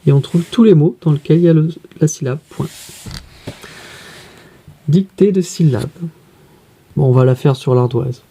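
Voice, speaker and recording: A woman teacher guiding pupils through a reading workbook, spelling letters out slowly and carefully. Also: deep voice, dark tone, breathy edge.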